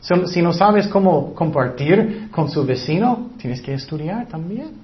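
Male preacher, slightly high voice, relaxed conversational sermon, muffled lo-fi recording. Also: measured pace. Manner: conversational preaching with fillers, quotes scripture, acts out prayers. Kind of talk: informal sermon.

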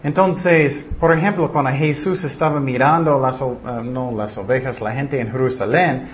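A man's voice: fairly even intonation, moderate pace. An earnest man teaching a Bible study, lifting his voice to stress points. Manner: earnest, rises in pitch when stressing points. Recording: slightly dull recording with faint noise.

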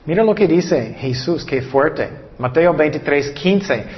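A man preaching a sermon in an animated way, stumbling over some words and acting out the people he quotes. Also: a little high, slow pace. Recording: echoey hall, dull lo-fi sound.

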